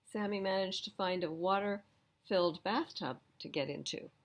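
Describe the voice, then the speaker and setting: A woman with a medium-pitched voice reads a picture book aloud at a moderate pace during a children's storytime at a library, explaining the illustrations and slipping in gentle asides for her young audience.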